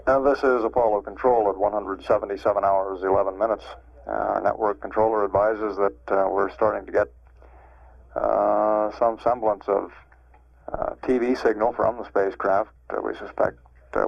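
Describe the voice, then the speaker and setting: Male spaceflight commentator, lowish and monotone, measured halting delivery, muffled archival radio sound. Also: creaky, dry recording. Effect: archival broadcast radio sound. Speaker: mission control public affairs announcer. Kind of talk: live spaceflight status commentary. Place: Mission Control. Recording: dull, band-limited archival radio feed.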